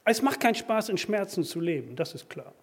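Husky preacher, raised tenor voice. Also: male voice, high voice, brisk. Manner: animated, swinging from loud emphatic bursts to quiet asides. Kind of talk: sermon. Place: church.

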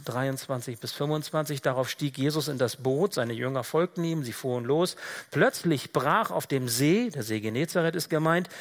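A man preaching a sermon in a casual, conversational way, often dropping to quiet, low tones for emphasis. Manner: rises and gets louder when reading out dramatic Bible quotes.

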